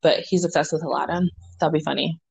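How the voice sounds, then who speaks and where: A young woman co-hosting a casual podcast, laid-back and teasing. Her voice is somewhat low and husky. It is recorded dry and close. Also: fairly even intonation, fast, a little mellow, dry recording. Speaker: podcast co-host. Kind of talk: casual chat.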